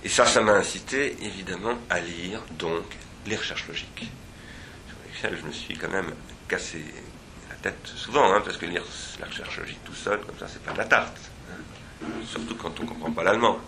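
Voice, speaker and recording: Low, bright-toned man giving a seminar talk. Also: moderate pace, slight background noise. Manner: digressive and reflective, with many hesitations and restarts. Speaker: philosopher speaking at a seminar.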